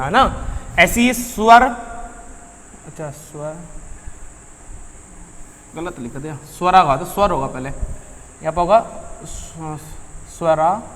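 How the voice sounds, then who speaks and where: A man's voice: on the high side, in a large hall. A man teaching a Hindi grammar lesson to students, asking questions and answering them himself and calling them "beta" and "bhaiya". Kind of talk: classroom lecture.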